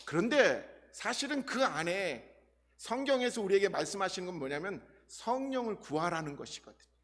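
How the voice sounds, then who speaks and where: Male pastor, sermon, high and very lively pitch, talks right to the pews, lingering church-hall reverb. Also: moderate pace. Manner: animated preaching, addresses the congregation directly; acts out prayers and dialogue in an earnest voice. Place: church sanctuary.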